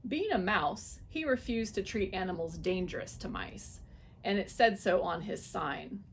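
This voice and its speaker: A woman reading a picture book aloud to children, in an expressive, animated storytelling manner. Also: medium pitch, unhurried, a little hiss or hum.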